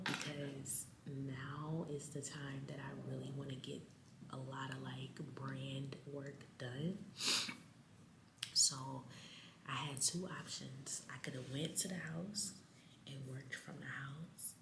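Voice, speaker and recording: A woman's voice: very deep voice, creaky. A young woman whispering a casual, chatty video diary from a public library. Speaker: vlogger. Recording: roomy echo with background noise.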